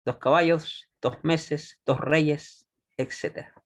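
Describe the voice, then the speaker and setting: Slow, patient male Hebrew teacher. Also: fairly high pitch, fairly even intonation. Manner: patient, checks understanding with frequent "¿ya?"; slow and deliberate, repeats words for students. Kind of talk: classroom lesson.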